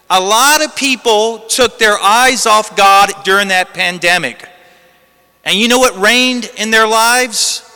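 Pitched high, pushed and bright yet smooth, a priest's voice fills a large, echoing church. He reads the gospel and preaches with emphasis and repetition, each line trailing off in lingering reverb.

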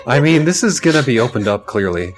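A man's voice: mid-range voice, sing-song, fast talker, over a noisy crowd. A man casually improvising as a player in a tabletop role-playing game, playful and given to swearing.

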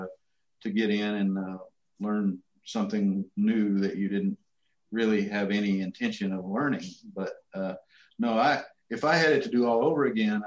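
A middle-aged man gives casual interview answers in a low-leaning voice. He is folksy and halting, pausing often. The sound is muffled, with a strong room echo. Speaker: interview guest, city manager.

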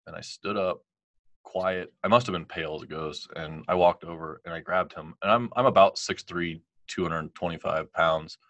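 A man with a deep yet bright, forceful voice tells a personal story in casual conversation. He acts out what others said and leans on fillers. The sound is dry and close, with no room around it. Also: moderate pace, no echo, dull audio. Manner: animated, quotes others, many fillers like "like" and "you know". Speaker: guest telling his story.

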